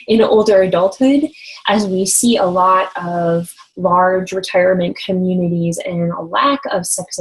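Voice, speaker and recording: A woman's voice: on the low side, poor audio. A woman in her thirties giving a recorded university lecture, explaining steadily and engagingly with the odd light laugh. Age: 30s.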